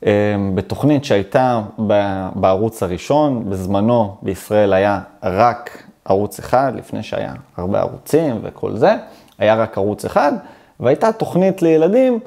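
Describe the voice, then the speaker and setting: A young man from Israel teaches a Hebrew video lesson, sounding out syllables slowly and with care. His voice sits low and mellow. His pitch swings up and down as he explains. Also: expressive, creaky. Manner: slow, careful, stresses syllables to show pronunciation.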